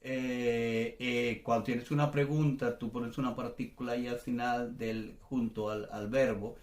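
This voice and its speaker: A man's voice: medium pitch, flat delivery, a little slow, a little mellow, roomy sound. A man teaching a casual language class, chatty and full of fillers and restarts, acting out exaggerated examples.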